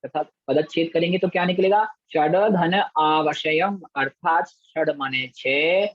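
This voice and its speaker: A man's voice: fairly high pitch, no room sound. A man teaching a scripture class, chanting verses syllable by syllable and explaining each word. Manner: slow drawn-out syllable-by-syllable recitation, then brisk explanation. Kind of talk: recitation lesson with call-and-repeat chanting. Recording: muffled lo-fi dry audio.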